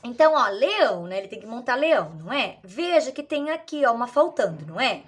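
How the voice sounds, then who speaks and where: Lively woman teacher. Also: fairly quick, slightly rough. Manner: lively, acts out children's answers in a high voice. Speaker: literacy teacher. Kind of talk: teacher explaining classroom activities.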